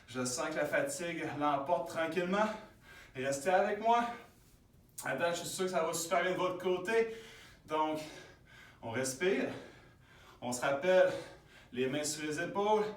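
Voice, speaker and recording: A man with a Québécois accent leading a guided workout, counting reps aloud while exercising himself. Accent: Québécois French. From Quebec. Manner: counts reps aloud, louder and higher during sets. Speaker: fitness instructor. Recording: echoey room, voice from far off.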